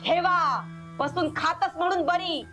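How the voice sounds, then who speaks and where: An actress playing a sharp-tongued village wife in a TV drama, scolding and arguing. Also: female voice, fairly even intonation, unhurried, faint music behind. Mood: angry. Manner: shrill, scolding, argumentative. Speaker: quarrelling family woman. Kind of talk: TV drama acting.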